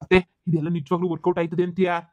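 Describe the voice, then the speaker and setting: A man's voice: high voice, level tone, fast talker, no echo, close to an everyday voice. A man voicing a doubtful, exasperated young man in a cartoon comedy, arguing back. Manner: skeptical, argues back. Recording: slightly dull lo-fi sound.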